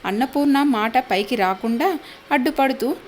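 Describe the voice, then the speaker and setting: A woman's voice: sits high, moderate pace, slight background noise. A woman narrating a family story in dramatic storytelling style. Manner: dramatic storytelling, voicing each character.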